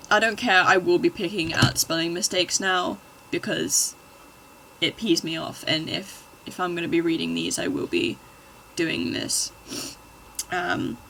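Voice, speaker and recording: Woman reading fanfic aloud at home, slow and bright, with dry exasperated comments. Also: on the low side, slight background noise, poor audio. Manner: wry, exasperated asides. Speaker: channel host.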